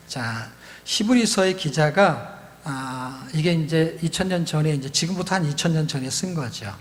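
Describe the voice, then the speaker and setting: In a church hall with big, roomy acoustics, a slightly high-voiced man preaches to a youth retreat. This pastor walks through scripture in a conversational way, repeats key words, and asks his listeners questions.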